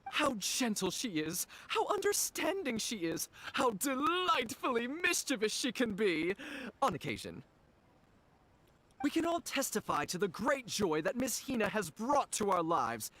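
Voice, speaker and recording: A zealous fan-club leader from a video game who preaches like a sermon, fervent and rousing. Her voice sits fairly high and swings widely in pitch. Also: big pitch swings, measured pace, a bit bright, heavily acted, rough recording. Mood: preaching.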